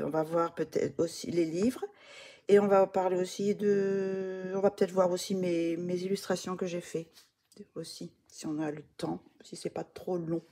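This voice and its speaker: A woman's voice: fairly low pitch, warm tone, husky. A middle-aged woman chatting casually as a coloring vlogger, hesitant with many fillers and restarts. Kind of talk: casual show-and-tell.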